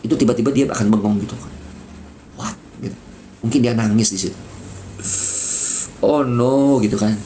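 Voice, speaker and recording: A man's voice: lowish voice, racing, dark tone, slight background noise. A man giving casual spiritual coaching in a soothing way, repeating words and dropping in English phrases. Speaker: spiritual mentor.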